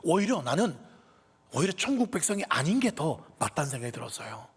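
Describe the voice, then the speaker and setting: Recorded in an echoing church sanctuary, a man in his fifties, a pastor, shares a personal testimony within his sermon, swelling into passionate climaxes. He talks fairly quickly and very animatedly in a husky, slightly high voice.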